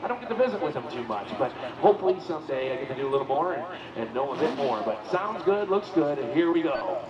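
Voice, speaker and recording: A man calls a tractor pull outdoors over a PA, chatting and joking between runs. His voice sits fairly high. The sound is dull and muffled, buried in loud engine noise. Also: big pitch swings, fast talker. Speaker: event announcer. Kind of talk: live play-by-play commentary over a PA. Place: outdoor tractor pulling event.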